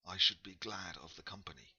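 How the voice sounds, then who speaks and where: A man voicing a frail, lonely woman with an educated English accent, hoarse and halting. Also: sits low, expressive, sharp tone, highs cut off, pitched above the performer's own voice, exaggerated voice. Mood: fragile. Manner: halting, apologetic. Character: frail, distraught woman settler, refined and lonely.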